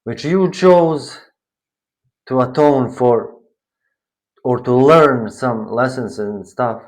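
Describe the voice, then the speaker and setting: Male tarot reader, mid-pitched, unhurried, rambling spiritual delivery. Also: low-quality recording. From Bosnia. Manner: slow, meandering, searching for words. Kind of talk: spiritual tarot reading monologue.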